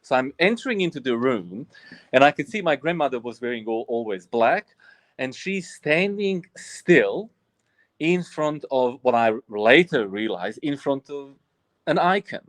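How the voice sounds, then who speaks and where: In a mid-range voice that is animated yet a little slow, an Orthodox priest from Bosnia, roughly forty, shares his personal story in an interview. He is earnest and reflective, restarting sentences often, and the audio has no room sound.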